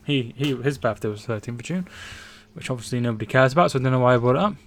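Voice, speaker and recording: A man's voice: medium pitch, lively intonation, very fast, a little hiss or hum. A man in his twenties from England, casually co-hosting a football watchalong stream, chatting and reading out viewer comments. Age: 20s. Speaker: livestream co-host.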